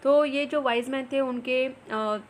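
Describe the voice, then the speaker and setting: A woman's voice: high voice, steady tone, slow, slight background noise. A woman teacher with an Indian English accent explaining a story step by step and asking the class questions. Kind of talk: explaining an English lesson in Hindi.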